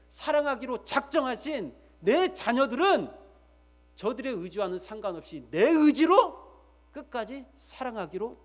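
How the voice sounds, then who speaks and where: A pastor with a very high voice preaches a church sermon, emphatically repeating key phrases. He puts rhetorical questions straight to his listeners.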